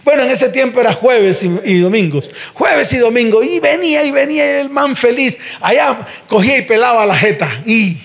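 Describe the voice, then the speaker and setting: A pastor preaching a sermon in a church, telling a story in slangy everyday speech and then exhorting slowly and forcefully. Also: male voice, very high voice, lively intonation, creaky. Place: church sanctuary.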